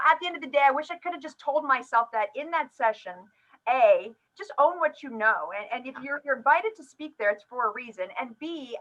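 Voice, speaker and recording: Bright chatty woman hosting a podcast. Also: high voice, dull audio. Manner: chatty, storytelling, self-deprecating. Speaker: podcast host. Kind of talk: conversational interview.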